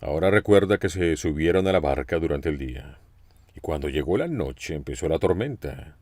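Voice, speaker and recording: Male preacher, deep and animated, expressive sermon delivery, dry close recording. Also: normal speed, no room sound. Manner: expressive storytelling with questions to listeners.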